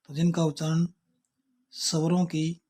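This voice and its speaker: Slow, patient man teaching letters. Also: on the high side, completely flat delivery, darkish tone. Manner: patient, repeats and spells out letters one by one. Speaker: Sanskrit teacher. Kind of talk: slow explanatory lesson.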